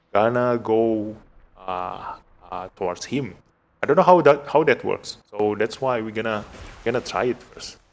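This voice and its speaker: Speaking with a mid-range voice and an Indonesian accent, this male streamer from Indonesia narrates his gameplay live. His casual commentary comes out halting, as if he's thinking out loud.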